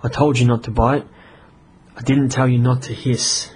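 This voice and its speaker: A man's voice: medium pitch, level tone, normal speed, a little mellow, a little hiss or hum, lightly acted, rough recording. Wise old rabbi who gives orders sternly, read plainly by a man. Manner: stern, commanding.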